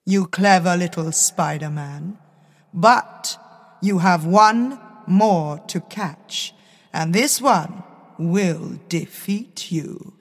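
A woman's voice: lowish voice, very slow, long reverb tail, heavily acted. A woman voicing a stern, proud male sky god in a grand, commanding tone.

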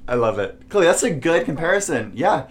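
A man's voice: on the high side, sing-song, moderate pace, crowd noise. A young adult man co-hosting a casual podcast chat, effusive and full of fillers like "like". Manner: effusive, filler-heavy, enthusiastic. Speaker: podcast co-host.

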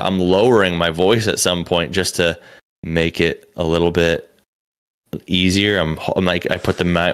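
A young comedian who co-hosts a podcast tells a loose, rambling story, full of "like," restarts and casual swearing. His voice is low-pitched, with a fairly bright, clean tone.

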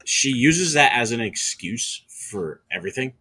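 A young man telling a profane bar story in casual chat, getting loud when heated. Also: medium pitch, big pitch swings, moderate pace, husky.

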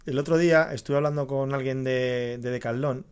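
A man with a Spain Spanish accent co-hosting a casual podcast, lively and jokey, swearing freely. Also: medium pitch, moderate pace, clean tone. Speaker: podcast co-host. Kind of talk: casual chat.

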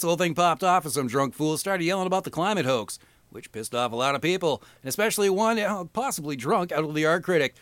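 A man's voice: fairly high pitch, fairly bright tone, no room sound. A middle-aged man hosting a podcast, reading crude satirical news with a profane, mocking, sarcastic delivery. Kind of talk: crude comedic news parody.

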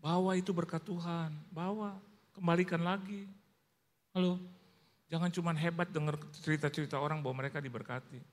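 Animated male pastor in an echoing church. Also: a little high, brisk. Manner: animated, humorous storytelling with acted-out voices. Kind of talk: sermon. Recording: long church hall reverb.

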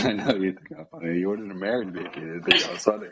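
A young man from the Midwest, chatting as a podcast guest in a flat, deadpan monotone with lots of "like" fillers. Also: low voice, quick pace, vocal fry, a little hiss or hum. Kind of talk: casual podcast chat.

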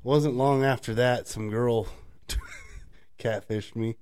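A man's voice: takes it slowly, a little mellow. A man co-hosting a casual chat, telling stories and often laughing as he talks. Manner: storytelling, mimics people in high voices; laughs often while talking.

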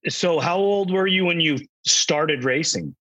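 Bright-voiced male podcast host. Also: on the high side, unhurried, no room sound. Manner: friendly, relaxed questioning with fillers. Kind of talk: casual interview.

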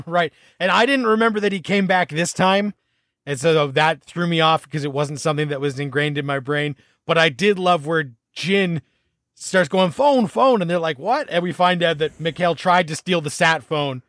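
A man co-hosting a casual TV recap chat, talking with eager, animated enthusiasm. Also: a little high, normal speed, no room sound, studio quality. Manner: enthusiastic, animated fan talk. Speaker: podcast co-host.

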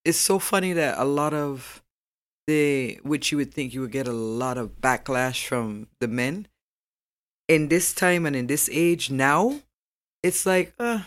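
Low-voiced woman, emphatic. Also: measured pace. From Barbados. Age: 40s. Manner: emphatic, proud storyteller. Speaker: podcast guest. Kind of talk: casual interview chat.

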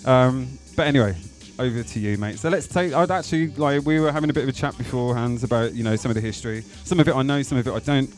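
A man's voice: medium pitch, fast talker, few pauses. A man hosting a casual, chatty studio interview. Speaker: interview host. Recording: faint music behind the voice.

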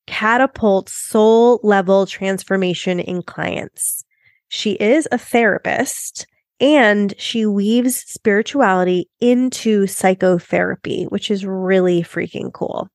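A woman's voice: mid-range voice, dry recording, clean studio sound. A woman podcast host with a nasal, congested tone from being under the weather, chatting informally and enthusiastically to her listeners. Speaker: podcast host, business coach.

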